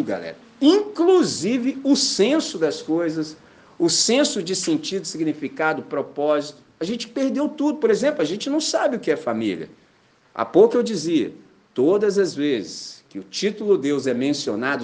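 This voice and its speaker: A man with a Brazilian Portuguese accent preaching a sermon as a pastor. His voice sits high and swings widely in pitch. He acts out conversations, trading voices between himself and the people he quotes. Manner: animated, acts out dialogues in shifting voices.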